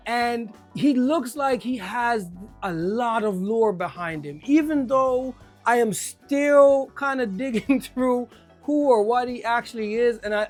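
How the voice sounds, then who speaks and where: In a mid-range voice, a speaker with a Jamaican accent gives a laid-back review of a video game. Their enthusiasm shows, and they frequently repeat words when excited.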